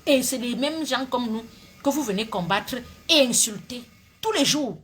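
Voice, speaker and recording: A woman's voice: fairly high pitch, expressive, moderate pace, slight background noise. A woman, a social media comedian scolding her critics in a heated rant to viewers. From Cameroon.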